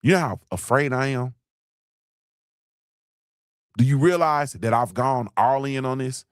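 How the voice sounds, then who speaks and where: On a morning show, a male host delivers fired-up motivational talk in the manner of a live stream, repeating lines for emphasis. His mid-range voice moves at a measured pace, and the studio-quality audio has no echo.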